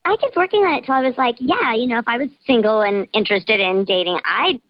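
A woman's voice: on the high side, lively intonation, fast, no echo. A woman calling in to a radio show with her voice disguised by a voice changer, chatting casually and saying "like" a lot. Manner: chatty, lots of "like" and "you know". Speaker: radio call-in guest. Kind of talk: casual chat telling a confession. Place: calling in by phone. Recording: dull phone line.

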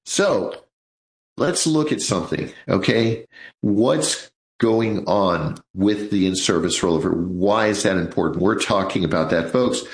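A man's voice: deep voice, lively intonation, unhurried, echoey room, low-quality recording. Chatty man in his sixties hosting radio. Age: 60s. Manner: chatty, folksy, addresses listeners as folks. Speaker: radio show host. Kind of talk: live financial radio talk.

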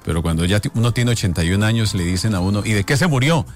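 A man's voice: on the low side, lively intonation, very fast. A man hosting a casual radio chat, chatty and fond of anecdotes. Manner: chatty, tells anecdotes, laughs easily. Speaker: radio host.

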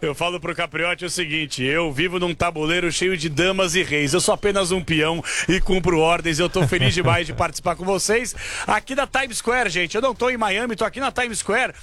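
Guy doing a live radio report outside in a busy square, high voice, bright, chatty and joking. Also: a little fast. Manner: lively, jokey, chatty. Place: outdoors in a busy city square.

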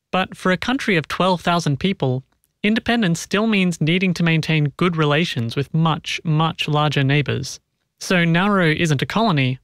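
A man interviewing a guest on radio, asking questions and reading scripted narration in a measured, clear way. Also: fairly high pitch, fairly bright tone, dry recording, studio quality.

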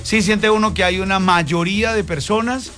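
A man's voice: sits high, moderate pace, faint music behind. Man hosting a sports radio debate. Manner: animated, quizzing co-hosts, reads sponsor promo. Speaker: radio sports show host.

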